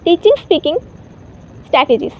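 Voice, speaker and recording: A woman teacher giving an exam-prep lesson, reading each English point out slowly before she explains it. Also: high-pitched, expressive, muffled recording.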